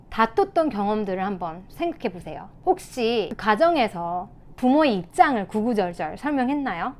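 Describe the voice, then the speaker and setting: A woman teacher giving parenting tips in a casual talk to camera, explaining patiently and acting out sample lines a parent might say. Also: fairly high pitch.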